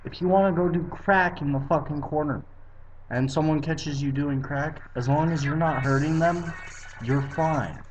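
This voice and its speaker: A man's voice: fairly high pitch, moderate pace, a little hiss or hum. A young man from Arizona vlogging, bluntly lecturing viewers with plenty of swearing. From Arizona, USA. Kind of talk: opinionated political rant. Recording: dull lo-fi webcam audio.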